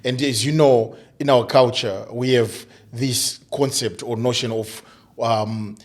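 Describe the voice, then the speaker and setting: Middle-aged guy from zimbabwe, talks slow and halting, lots of "you know", keeps restarting. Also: mid-range voice, fairly even intonation. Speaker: guest, diversity and inclusion coach. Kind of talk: conversational interview.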